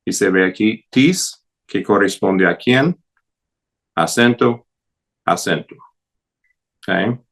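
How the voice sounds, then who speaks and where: A man teaching a Greek class, going slowly and deliberately through word forms one at a time, with English fillers like "okay" and "so". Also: on the low side, fairly bright tone. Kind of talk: classroom lecture.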